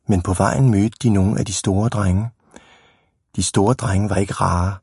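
A man reading a children's story aloud. He is a lively reader who slips into voices for the characters. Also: deep voice, creaky, slightly rough, no room sound, studio quality.

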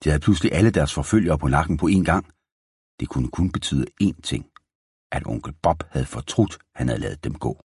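A man narrating a children's western story in a calm, steady reading voice. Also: a bass voice, breathy edge, no echo, studio quality.

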